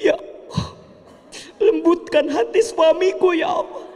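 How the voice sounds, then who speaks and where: A man voicing a desperate wife who wails a prayer in a shrill, exaggerated way, in an echoey hall. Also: a little slow, darkish tone. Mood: wailing. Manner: shrill, wailing, exaggerated for comedy. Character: desperate wife shrieking a prayer about her husband.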